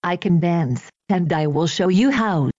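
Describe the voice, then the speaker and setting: A woman's voice: lowish voice, lively intonation, unhurried, darkish tone, dry recording, muffled recording. A woman voicing a fussy, showy lady doll from Paris in a storybook.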